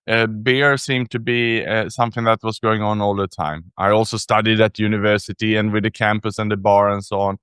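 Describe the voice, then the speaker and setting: A man from Sweden, a native Swedish speaker, talking in English as a podcast guest, telling his story reflectively with frequent pauses and restarts. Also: fairly low pitch, level tone, a bit bright, smooth, no echo, studio quality. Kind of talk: casual interview storytelling.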